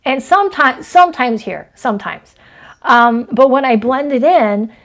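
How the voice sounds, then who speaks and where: A woman's voice: high voice, expressive, measured pace. A woman in her forties chatting casually on a livestream as she walks through her makeup routine. She rambles and keeps asking "right?" and "you know what I mean?". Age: 40s. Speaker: astrology vlogger showing her makeup routine.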